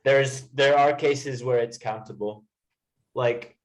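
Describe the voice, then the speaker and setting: A man's voice: mid-range voice, steady tone, slow pace, poor audio. A man tutoring English one to one, explaining informally with everyday examples. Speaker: English teacher.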